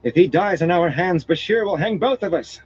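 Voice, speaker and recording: A man voicing a shrill, frightened noblewoman who is sharp-tongued and scheming, reading her lines in an urgent, shrieking manner. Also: expressive, moderate pace, breathy edge, highs cut off.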